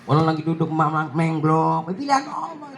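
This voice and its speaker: A man preaching a humorous sermon, teasing his listeners and checking in with quick rhetorical questions. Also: on the high side, very animated, vocal fry.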